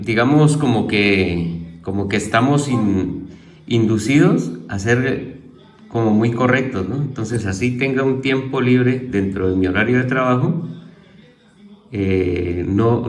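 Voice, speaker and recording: A man, a teacher, presenting a theology homework lesson in a halting way, correcting himself and repeating key terms as he explains them. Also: medium pitch, reverberant. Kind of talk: informal spoken lesson.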